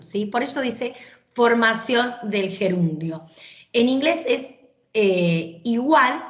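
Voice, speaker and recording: A woman, teaching an English grammar class and explaining patiently, often checking that students follow. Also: medium pitch. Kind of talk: online class lecture. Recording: roomy echoey recording.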